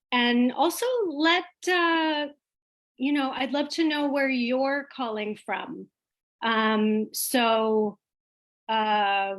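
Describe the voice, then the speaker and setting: Slow, halting woman. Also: a little high. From Iqaluit, Baffin Island, Nunavut, Canada. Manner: halting, pausing often mid-sentence. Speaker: guest speaker at an online event. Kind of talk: informal talk to an online audience.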